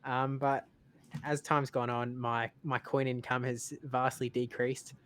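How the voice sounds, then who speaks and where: A man chatting casually on a podcast, rambling and haltingly repeating words as he thinks aloud. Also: medium pitch, little pitch movement, a bit bright, clear, resonant tone. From lives in Australia. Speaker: podcast panelist.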